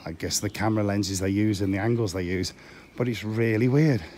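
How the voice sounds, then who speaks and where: Hoarse and losing his voice from a cold, this low-voiced, middle-aged man keeps up a rambling, um-filled walking tour of filming locations, shot on a phone outdoors in a small town. His delivery is a little fast and slightly mellow, with a touch of hiss or hum.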